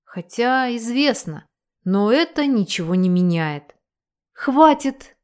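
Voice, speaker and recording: A woman narrating a first-person audiobook with an expressive reading. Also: medium pitch, normal speed.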